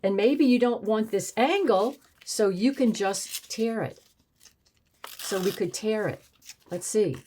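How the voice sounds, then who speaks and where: A woman art teacher with a mellow, medium-pitched voice speaks slowly while demonstrating collage on a painting. She muses aloud, trying pieces in various spots, and the recording carries a little hiss or hum.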